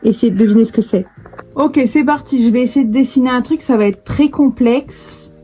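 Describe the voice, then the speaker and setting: A woman's voice: a little high, moderate pace, dark tone, husky, faint music behind. A young woman chatting casually to camera in a vlog, full of fillers and restarts. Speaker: vlogger.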